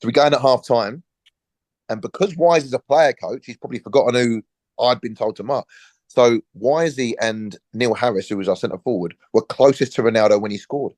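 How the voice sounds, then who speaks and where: A man in his forties, a former footballer and podcast guest, telling a relaxed story and acting out the dialogue. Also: medium pitch, a little fast, no room sound. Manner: lively storyteller, acts out quoted dialogue, frequent restarts.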